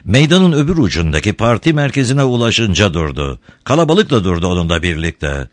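A man narrating a storybook, reading with expressive, dramatic pacing. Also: lowish voice, brisk, dry recording.

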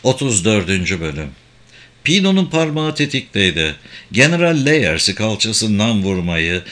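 A man narrating a dramatic audiobook in a steady reading voice. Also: medium pitch.

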